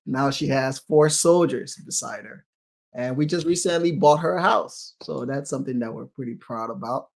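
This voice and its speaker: A man in his thirties from Cameroon, a guest in a casual interview chat, upbeat and quick to laugh. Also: medium pitch, vocal fry, a little mellow. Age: 30s.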